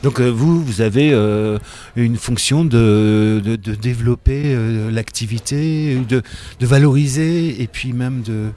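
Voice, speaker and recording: A man asks an official long questions, feeling his way with fillers and restarts. His voice has a mellow, dark tone at a middling pitch. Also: a little slow. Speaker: interviewer. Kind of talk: interview questions.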